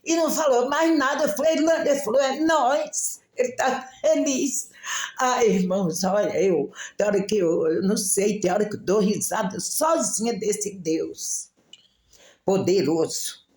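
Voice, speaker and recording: A woman's voice: medium pitch, unhurried, a little mellow, roomy sound. A middle-aged woman giving a religious testimony in church, telling her story with feeling and acting out the dialogue.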